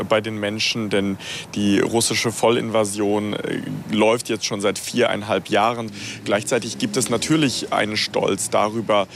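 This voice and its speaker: Correspondent speaking flatly over street noise. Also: male voice, fairly low pitch. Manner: thoughtful, with hesitations. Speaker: foreign correspondent. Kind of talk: live report.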